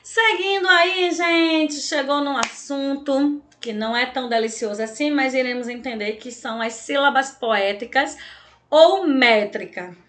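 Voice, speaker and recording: A woman's voice: high-pitched, unhurried, a bit bright, a little hiss or hum. A woman teacher with a Brazilian accent giving an online class, checking in with her students every few lines. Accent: Brazilian Portuguese. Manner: frequent check-ins with "tá, gente?" and "certo?". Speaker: Portuguese teacher.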